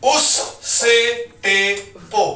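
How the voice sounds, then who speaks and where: High-voiced teacher chanting mnemonics. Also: male voice, steady tone, drawn-out words. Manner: drills mnemonics, sing-song chanting. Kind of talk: classroom lecture with call-and-response. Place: classroom. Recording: echoey classroom from far off, loud crowd.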